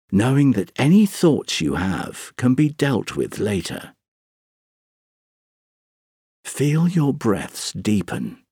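A man narrating a scripted guided sleep meditation, speaking softly and breathily in a soothing, gentle, unhurried way with long pauses. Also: lowish voice, slightly rough, dry recording, clean studio sound.

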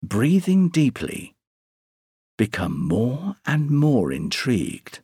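A man slowly guiding a sleep meditation, counting breaths in a soothing, drawn-out way with long pauses. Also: mid-range voice, wildly swooping pitch, dark tone, slightly rough, no room sound, studio quality. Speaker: meditation guide.

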